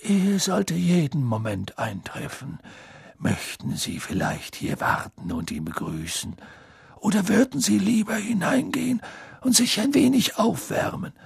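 A man voicing a gracious, courteous old headmaster who speaks politely and gently. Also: sits high, wildly swooping pitch, measured pace, gravelly, breathy edge, no echo, studio quality, voice pushed up, heavily acted.

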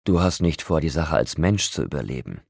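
Male reader as anguished young man, urgent pleading, slightly raised, a little husky. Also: a bass voice, sing-song, fairly quick, a little mellow, no room sound, studio quality, heavily acted. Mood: pressing. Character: young man, upset and pleading, desperate friend.

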